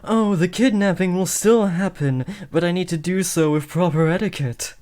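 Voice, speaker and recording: A young man acts out an awkward, earnest teenage boy trying to be a supervillain in a comedic audio roleplay, sounding hesitant, often correcting himself, and awkwardly reassuring. His voice is high-pitched and darkish, near an everyday voice, at a moderate pace.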